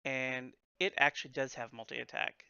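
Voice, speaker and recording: A man acting as game master, casually narrating a tabletop game with measured, hesitant turn announcements. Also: medium pitch, steady tone, vocal fry, bright, forceful tone, clear, resonant tone, no echo, lo-fi sound.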